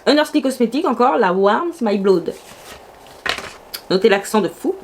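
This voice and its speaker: A woman's voice: fairly high pitch, lively intonation, unhurried, slight background noise. Gushing woman reviewing makeup. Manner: gushing, exclamatory, chatty. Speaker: beauty vlogger.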